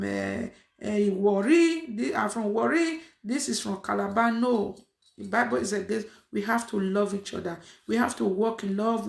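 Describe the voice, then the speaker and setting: A woman with a creaky, mid-range voice hosts online prayer, preaching in a casual, emphatic way. She repeats her phrases and uses lots of fillers, and the recording sounds echoey.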